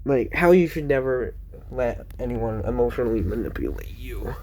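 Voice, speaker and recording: A man's voice: mid-range voice, animated, moderate pace, warm tone. A teenage boy vlogging from home, rambling with lots of fillers and self-corrections, sounding close to tears. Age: teens. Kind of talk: casual rambling vlog.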